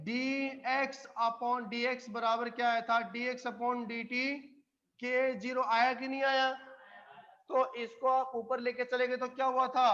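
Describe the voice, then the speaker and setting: High-pitched guy lecturing chemistry in a classroom, keeps asking if u got it, muffled lo-fi sound. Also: a bit bright. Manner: coaxing, keeps checking if students follow. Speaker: chemistry teacher. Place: classroom with students.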